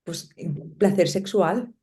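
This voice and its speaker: Reflective middle-aged Spanish woman, mellow low voice. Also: slow. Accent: Spain Spanish. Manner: reflective, lots of tag questions and small laughs. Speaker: panel guest. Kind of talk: casual panel conversation.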